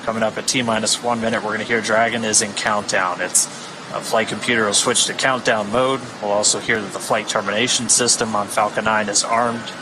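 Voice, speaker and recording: Low-voiced man commentating a live launch. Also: steady tone, brisk. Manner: explains technical callouts. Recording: clear background noise.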